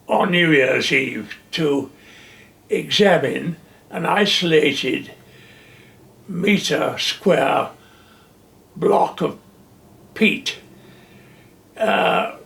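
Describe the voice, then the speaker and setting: An older man, a retired general, recalling wartime missions in a halting way with many pauses and fillers. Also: on the high side, vocal fry, fairly bright tone, distant mic. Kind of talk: wartime reminiscence.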